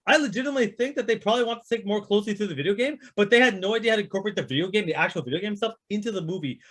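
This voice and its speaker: High-pitched, bright-ish and rapid-fire, a male panelist casually sounds off about films on a chat show where they're being ranked. He's blunt, opinionated and swears heavily as he rants.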